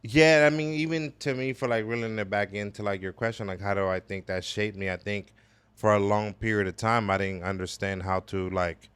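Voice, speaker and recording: A man from El Salvador, a podcast guest, talking reflectively about his upbringing with many pauses and fillers. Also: lowish voice, fairly even intonation, fairly bright tone, smooth, dry recording. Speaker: podcast guest, business owner. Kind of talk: casual conversational interview. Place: gallery space.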